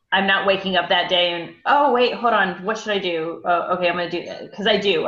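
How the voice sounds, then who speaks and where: A woman's voice: fairly low pitch, vocal fry, sharp tone, echoey room, lo-fi sound. A woman on a team video call, casual and joking.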